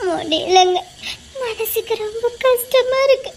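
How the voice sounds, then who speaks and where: A woman playing a tearful young wife with a very high voice. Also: animated, unhurried, full character voice. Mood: tearful pleading. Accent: Tirunelveli Tamil. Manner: soft, pleading, voice breaking with tears. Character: anxious young wife, tearful but firm. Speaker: actor. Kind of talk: melodramatic web-series acting.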